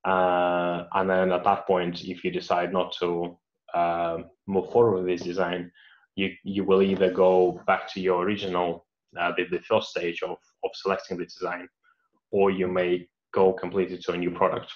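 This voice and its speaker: Speaking at a normal pace, this Russian-native mechanical engineer responds to questions read aloud during a career Q&A. His low, flat male voice comes across as hesitant, full of fillers and false starts, captured on dull lo-fi audio.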